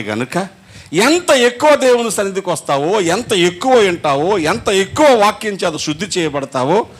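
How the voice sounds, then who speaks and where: Animated high-voiced man preaching. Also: slight background noise. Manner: emphatic preaching with rhetorical questions and repetition. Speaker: pastor. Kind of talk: sermon.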